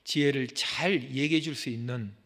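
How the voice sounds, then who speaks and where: A man preaching a sermon as senior pastor, swinging from loud urgent exhortation to hushed, near-whispered pleading. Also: medium pitch, normal speed. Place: church sanctuary. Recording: long hall reverb from the sanctuary.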